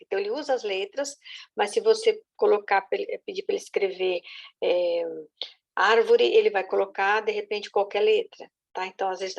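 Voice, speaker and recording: A woman gives a patient teaching talk on how children learn to write. Her voice carries a steady gravelly edge at a middle pitch. She keeps checking in with her listeners as she explains. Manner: patient, with many "né?" and "tá?" check-ins. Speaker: literacy teacher.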